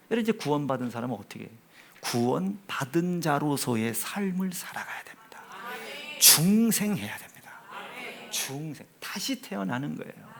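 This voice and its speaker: A man with a Chungcheong Korean accent preaching a sermon in a church, swinging from hushed asides to loud, emphatic exhortation. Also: mid-range voice, creaky, slight background noise. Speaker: pastor. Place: church sanctuary.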